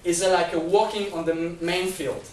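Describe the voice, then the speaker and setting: A man with a high, steady voice speaks at a moderate pace as a guest speaker at a discussion group. His lecture-style talk, given indoors at a talk venue, runs through numbered points with frequent restarts and repeated words, and his first language isn't Chinese. The mic is distant in an echoey room, with slight background noise.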